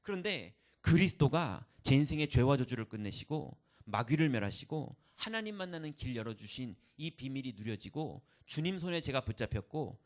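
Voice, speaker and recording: A male pastor giving a candid, confessional testimony in a sermon, acting out his own grumbling thoughts. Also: mid-range voice.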